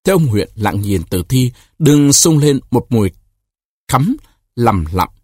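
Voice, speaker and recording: Guy narrating a short story, husky voice, dry close sound. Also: medium pitch, dry recording. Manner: expressive, deliberate reading.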